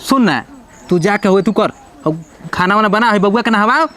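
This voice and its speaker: A woman's voice: medium pitch, moderate pace, fairly bright tone. A woman with a Bhojpuri accent playing a scolding, coaxing mother-in-law in a scripted village comedy skit.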